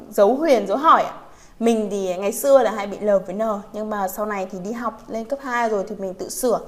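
A woman teaching a vocabulary lesson. She reads example sentences slowly, explains each one, and often checks in with her learners. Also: fairly high pitch, fairly bright tone. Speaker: Japanese teacher.

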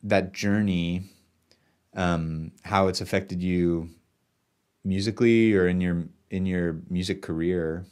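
A man's voice: low-pitched, steady tone, slow, darkish tone, smooth. A man in his thirties hosting an interview over a video call, asking long, searching questions full of hedges. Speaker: interviewer host. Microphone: webcam on video call.

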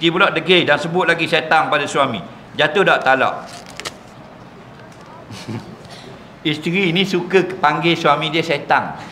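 A man's voice: fairly high pitch, unhurried, long pauses, background noise. A man with a Malaysian accent giving a joking religious lecture in a mosque, often checking with his listeners whether they agree. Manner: joking, keeps checking "right?" with the audience. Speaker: religious teacher. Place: mosque hall, evening lecture. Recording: echoey mosque hall. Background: audience laughter.

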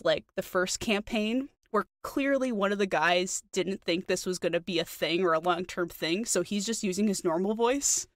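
A woman's voice: mid-range voice, no echo, studio quality. A woman with a New Zealand accent co-hosting a podcast, chatting eagerly with lots of fillers. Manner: chatty, enthusiastic, many fillers. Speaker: podcast co-host. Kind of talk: casual chat.

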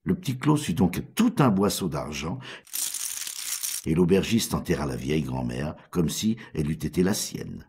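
A man reading a fairy tale aloud, expressive and animated. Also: extremely low pitch, moderate pace, slight background noise. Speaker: storyteller.

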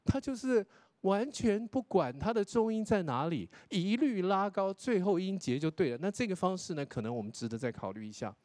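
Male lecturer, contest judge; high, very expressive voice; patient, explanatory critique. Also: brisk, dry recording. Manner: explanatory, demonstrates English pronunciation, tags sentences with 哈.

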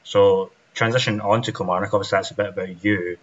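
Low-voiced host, easygoing, lots of you knows, muffled lo-fi audio. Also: male voice, fairly even intonation, fast. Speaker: podcast host. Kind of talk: casual interview chat.

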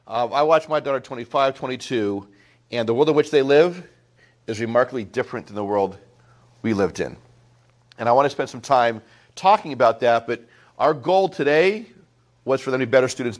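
A middle-aged man with a voice of ordinary pitch speaks to a small group of parents. He tells a story in an animated, anecdotal way and keeps checking in with the room through quick asides. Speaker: school presenter speaking to parents. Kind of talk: storytelling talk to a small audience.

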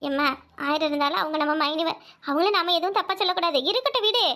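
Earnest cartoon teen girl, very high and bright, southern Tamil Nadu accent, pleading, as a woman voices her. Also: fast. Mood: soothing. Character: earnest teenage schoolgirl, top student. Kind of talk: cartoon voice acting.

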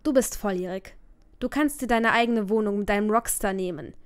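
A woman's voice: mid-range voice, fairly quick, smooth, close to an everyday voice. A woman reading an angry, stern father. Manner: curt, forceful. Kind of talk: audiobook reading.

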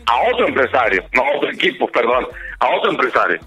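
A man, a baseball columnist on a debate panel, who speaks in a measured way and corrects himself carefully. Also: mid-range voice, big pitch swings, sharp tone, husky, low-quality recording. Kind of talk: sports debate.

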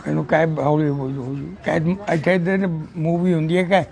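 An older man spins a folk tale in a slow, rambling village way. His voice sits high and has a gravelly edge. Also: a crowd in the background. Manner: slow, rambling village storytelling with acted dialogue. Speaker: storyteller. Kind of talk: oral folk tale telling.

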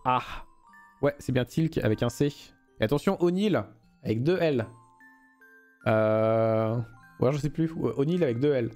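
A man's voice: mid-range voice, moderate pace, pauses often, darkish tone, soft background music. A young man streaming a game live, reading the story aloud and chatting loosely with viewers, swearing freely.

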